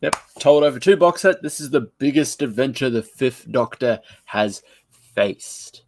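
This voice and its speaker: A man co-hosting a casual panel chat, giving opinions in halting speech full of fillers. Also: medium pitch, lively intonation. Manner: hesitant, filler-heavy, opinionated. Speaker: podcast co-host.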